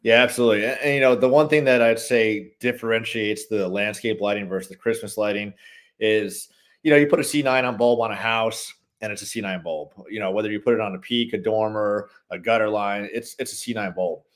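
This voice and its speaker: A man who runs a lighting business, telling rambling, animated stories in a casual interview. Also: lowish voice, brisk. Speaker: guest, holiday lighting business owner.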